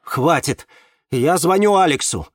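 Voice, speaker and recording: A loyal, stubborn driver, voiced by a male narrator. His voice sits a little above the narrator's, louder and insistent, lively in pitch. Dry, close sound. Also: a little slow, no room sound.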